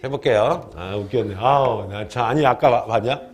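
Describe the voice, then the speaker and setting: A man's voice: medium pitch, moderate pace. A man teaching a history class in a classroom, joking with students and asking questions he answers himself. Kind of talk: classroom lecture.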